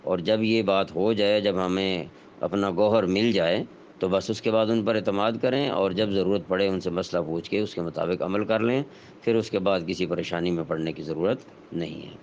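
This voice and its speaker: A man giving a religious lesson, explaining step by step in a measured way, pausing often with fillers. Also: low voice. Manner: measured explanatory delivery with frequent hesitation fillers. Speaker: Islamic teacher. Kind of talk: religious lecture. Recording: dull lo-fi sound with faint noise.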